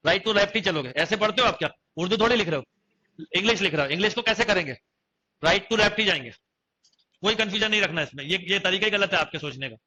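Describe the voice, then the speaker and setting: A man's voice: high voice, lively intonation, fast, sharp tone. A young man teaching a maths class to students, often quizzing them and repeating key phrases. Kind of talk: online coaching class lecture. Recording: dull lo-fi class recording.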